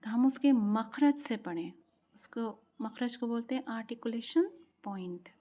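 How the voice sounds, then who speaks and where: A woman teaching an online Quran class, patiently repeating sounds slowly so students can practice. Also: on the high side, lively intonation, warm tone.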